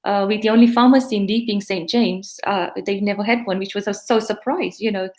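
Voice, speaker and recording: Her voice is mid-range, steady and a touch mellow, moving fairly quickly. The speaker, a middle-aged East African pharmacy owner with a mixed East African and English accent, is a guest in an informal interview, speaking with earnest reflection.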